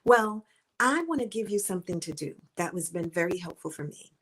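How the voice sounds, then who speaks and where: A woman's voice: lowish voice, expressive, fairly quick, rough recording. A middle-aged woman giving an encouraging, faith-based talk to camera as a speaker and author, repeating her points and dropping to a near-whisper at times. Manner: earnest, repetitive and coaching, drops to a soft near-whisper at times.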